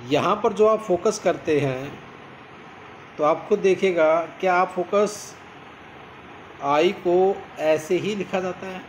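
A man's voice: sits high, slow pace, pauses often, slight background noise. A man teaching English pronunciation, repeating each practice word several times as he drills it. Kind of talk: pronunciation lesson. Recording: echoey room.

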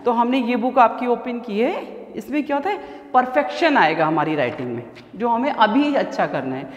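A woman teacher with a fairly high, lively voice. She chants the rhymes slowly and then speeds up for questions aimed at small children. Her voice rings in a roomy space with a long, trailing reverb. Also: highs cut off. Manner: slow, drawn-out sing-song rhymes with quick asides and questions to children. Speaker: kindergarten Hindi teacher. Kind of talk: online lesson for young children.

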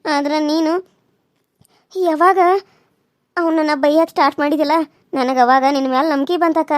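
A woman's voice: sits high, steady tone, moderate pace, no echo, studio quality, lightly acted. A woman with a North Karnataka accent voicing Nitya, an earnest young village woman in a cartoon serial, in a coaxing, apologetic way of talking.

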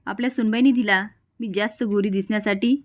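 A woman voices a vain, proud older aunt who speaks in a fussy, dismissive way, at a middle pitch. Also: steady tone, fairly quick, natural voice.

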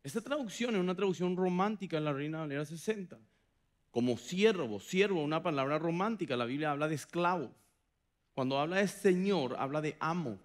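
Dramatic pastor, fairly high voice. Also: male voice, animated, a little fast. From Paraguay. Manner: dramatic, acts out quotes with big swings in pitch and loudness. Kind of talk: sermon. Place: church hall.

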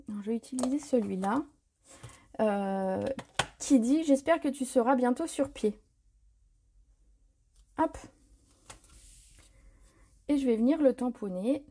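A woman's slightly high, husky voice guides a live tutorial on a paper craft technique. She's chatty and relaxed throughout. Her frequent self-corrections come with laughter at her slips.

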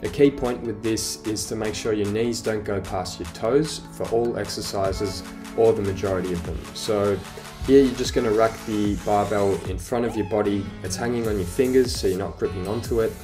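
A young man giving a casual instructional voice-over for a home barbell workout, relaxed and chatty with fillers. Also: on the low side, normal speed, music in the background. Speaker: fitness coach. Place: living room home gym. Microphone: voice-over, recorded separately.

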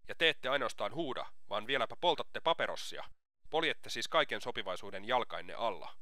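A man's voice: mid-range voice, expressive, sharp tone, no echo, clean studio sound. A man reading an audiobook aloud, voicing a feverish, proud young student who answers curtly and defiantly. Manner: defiant, curt.

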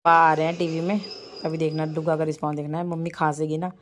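A woman's voice: sits low, flat delivery, quick pace, a little hiss or hum. Woman, home vlogger, chatty and playful, from Uttarakhand, talks to camera indoors. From Almora, Uttarakhand, India. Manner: chatty and playful, coos in baby talk to her pet. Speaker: vlogger and housewife. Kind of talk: casual home vlog chat.

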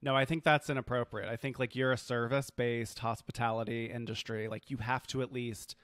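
A man's voice: medium pitch, flat delivery, fairly quick, fairly bright tone, no room sound. A man co-hosts a podcast in easygoing conversation. His voice sits in the middle of the range and sounds dry and close. He talks earnestly and hedges, working out his thoughts as he speaks. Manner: earnest, hedging, thinks aloud. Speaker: podcast co-host. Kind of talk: casual chat.

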